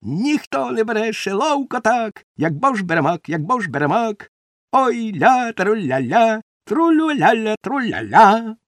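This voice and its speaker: A man doing a silly, high-pitched helper. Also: sing-song, slow pace, a bit bright, no room sound, studio quality, heavily acted. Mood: singing merrily. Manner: high, sing-song and stammering. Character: silly cheerful male helper, boastful and excitable.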